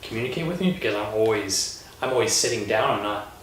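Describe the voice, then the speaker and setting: A man from Colorado, a lawyer, hosting a relaxed panel chat, talking with many fillers and pauses. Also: lowish voice, slight background noise. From Colorado, USA. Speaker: host, lawyer. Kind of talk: casual panel conversation. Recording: roomy echo, distant mic.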